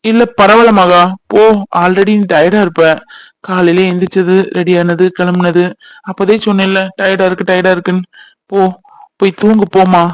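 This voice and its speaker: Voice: medium pitch, little pitch movement, moderate pace, no echo, close to an everyday voice, low-quality recording. Someone voicing a teasing young husband, dry and close. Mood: gentle. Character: young newlywed husband, playful then anxious son. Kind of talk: cartoon voice acting.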